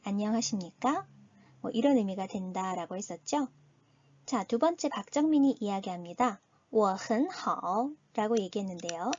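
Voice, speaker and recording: A woman teacher giving a recorded Chinese lesson, patiently explaining and slowly modeling pronunciation. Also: mid-range voice, lively intonation, a little mellow, lo-fi sound.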